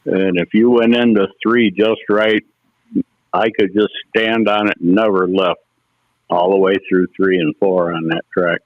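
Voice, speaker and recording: Here a middle-aged ex-race car driver swaps homespun anecdotes during a relaxed telephone interview. He has a deep, steady voice and talks a little slowly. The recording is dry, and the telephone line sounds narrow and muffled.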